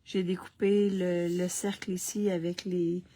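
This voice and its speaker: A woman, hosting a live card-making demonstration, talking slowly with many restarts and coughing through a frog in her throat. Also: fairly low pitch, level tone, warm tone. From Canada. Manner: slow, halting, with many restarts and fillers. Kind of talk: casual live craft demonstration.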